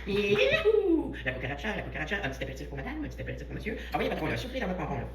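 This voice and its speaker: A man doing an excitable hotel servant. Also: on the high side, very fast, over a noisy crowd. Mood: excited. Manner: excitable, sing-song, fawning. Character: eager fussy male hotel servant. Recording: echoey room, audible noise.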